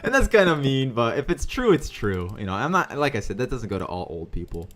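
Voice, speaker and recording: A man in casual stream chat, wandering through anecdotes and backtracking to fix his own wording. His voice sits in a middle pitch, loose and conversational. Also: big pitch swings, fairly quick, a bit bright. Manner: rambling, self-correcting, swings into high mimicry. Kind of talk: casual storytelling while playing.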